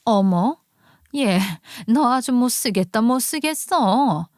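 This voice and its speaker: A woman's voice: a little high, animated, slow, a little mellow, no echo. Woman playing a condescending older mother-in-law, nagging, audio drama, dry close mic. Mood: indignant. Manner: nagging, condescending, exclamatory scolding. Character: overbearing older prospective mother-in-law, haughty and scolding. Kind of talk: audio story drama reading.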